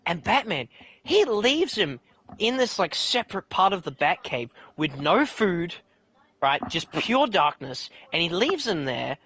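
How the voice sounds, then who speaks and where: A man's voice: measured pace, husky, rough recording. A man hosting a podcast, telling a rambling story in casual chat, swearing a lot and restarting his sentences. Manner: excitable, profane storytelling with restarts; leaps to much higher pitch when outraged. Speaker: podcast host.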